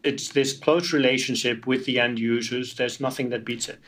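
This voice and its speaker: A man's voice: mid-range voice, steady tone, normal speed, fairly bright tone, slight background noise. A man from Iceland, answering interview questions as a company founder, often repeating words as he restarts. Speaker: tech company founder, guest.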